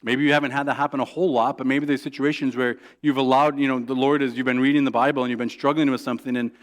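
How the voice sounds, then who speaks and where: Guy pastor preaching, casual and chatty, lots of "right?", stumbles and restarts, middle pitch. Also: little pitch movement, fast. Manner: conversational, keeps asking "right?"; acts out quoted prayers in a soft, hushed voice. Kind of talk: sermon.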